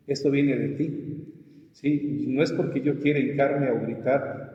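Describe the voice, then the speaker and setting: A male pastor telling his testimony in a conversation, acting out the voices of the people in his story. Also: medium pitch. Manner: animated storyteller, acts out his own cries and quoted voices. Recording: muffled, echoey room with long reverb.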